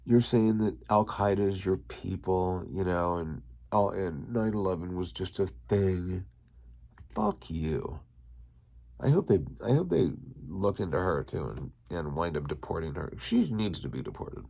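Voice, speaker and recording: A man's voice: sits low, expressive, a little slow, gravelly, darkish tone. A man hosting his own channel, going on a crude, heated, swearing political rant. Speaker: channel host.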